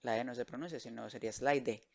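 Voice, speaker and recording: Gravelly male teacher, slow patient drills. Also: mid-range voice, animated, highs cut off. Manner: slow, drilled repetition of words. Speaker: English teacher. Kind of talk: bilingual online vocabulary lesson.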